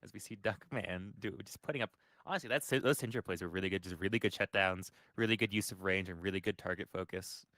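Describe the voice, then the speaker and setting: A man's voice: sits low, sharp tone, dry recording. A man casting a live esports match, calling plays and breaking down fights. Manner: quick play-by-play, analytical. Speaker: esports caster.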